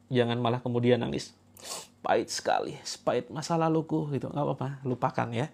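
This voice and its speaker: A man from Java, coaching a group through a healing session. He gives instructions, jokes, and breaks into loud commands. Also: medium pitch. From Java, Indonesia.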